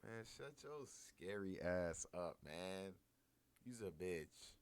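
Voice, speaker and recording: Brief: male streamer with a lowish voice, crude mocking reaction commentary. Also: animated, slow, clean tone. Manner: mocking, heckling. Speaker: streamer reacting to a court show.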